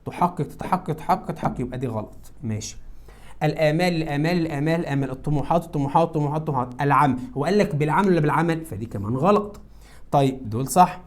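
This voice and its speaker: A man with an Egyptian Arabic accent teaching English to high school students, who asks questions and answers them himself. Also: rapid-fire, darkish tone. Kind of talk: classroom lesson explaining exam answers.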